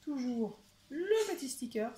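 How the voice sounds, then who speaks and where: A young woman chatting excitedly as she unboxes a craft kit at home, often stumbling and repeating words. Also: high-pitched, measured pace, slight background noise. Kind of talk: casual unboxing chat. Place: home with a washing machine running.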